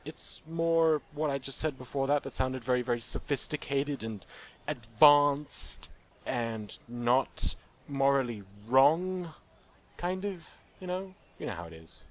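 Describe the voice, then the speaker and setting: A let's play gamer comments casually on his own gameplay, joking around and talking to the game's characters in a playful way. His medium-pitched voice is expressive and his pace slow.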